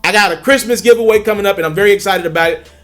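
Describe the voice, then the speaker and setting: A man's voice: high-pitched, racing, fairly bright tone, faint music behind. A man giving blunt, slangy hip hop commentary in a casual conversational way, sounding out of breath. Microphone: earbuds.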